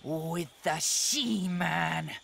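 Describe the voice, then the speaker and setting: Vengeful ghost tiger. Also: female voice, low-pitched, extremely slow, vocal fry, a bit bright, a little hiss or hum, full character voice. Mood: menacing. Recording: echoey, distant, with music.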